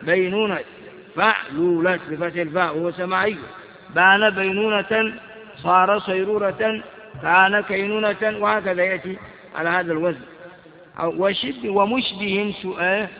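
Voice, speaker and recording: Man, teacher, recites patterns and examples, asks questions, high voice, long hall echo. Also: steady tone, normal speed. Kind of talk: Arabic grammar lesson explaining verbal noun patterns. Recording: dull recording with long hall reverb.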